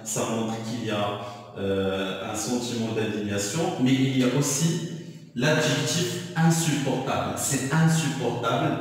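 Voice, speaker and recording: A man teaches a recorded lesson at an unhurried, deliberate pace, stopping often on fillers and repeating himself. His voice sits at an ordinary middle pitch. It sounds hollow and roomy, with a long reverb, as if he stands some way back from the microphone. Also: fairly even intonation, a little hiss or hum. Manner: slow, patient explaining with many fillers and repetitions. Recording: echoey room, voice far from the mic.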